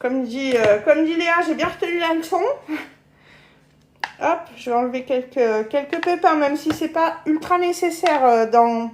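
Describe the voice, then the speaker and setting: A woman's voice: high voice, normal speed, echoey room, a little hiss or hum. A woman hosting a live cooking demonstration from her home kitchen, chatting casually, stumbling over and repeating words, and laughing often.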